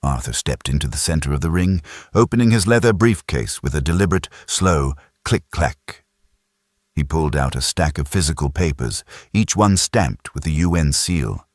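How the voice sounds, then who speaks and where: An extremely deep-voiced man narrates a science-fiction audiobook in a measured, dramatic, animated way, his voice slightly rough. The recording is close and dry, with no room sound or echo.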